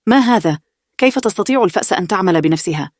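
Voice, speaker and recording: A woman's voice: fairly low pitch, steady tone, fast talker, a little mellow, dry recording, clean studio sound, close to an everyday voice. A woman reading the part of a determined youngest brother, a young man, in a bedtime story. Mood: earnest. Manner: earnest, determined.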